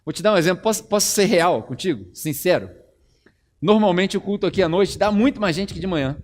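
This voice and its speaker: A Brazilian man preaches a sermon in a church with a relaxed, chatty tone. His voice sits high and he tells the story with a lot of energy. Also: fairly quick. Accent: Brazilian Portuguese. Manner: conversational, animated storytelling. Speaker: pastor.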